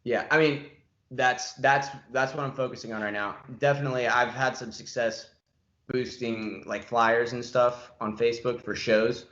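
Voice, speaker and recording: A man's voice: medium pitch, steady tone, normal speed, fairly bright tone. A man hosting a casual podcast chat, asking curious questions and agreeing readily. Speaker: musician podcast host. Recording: roomy, dull lo-fi audio.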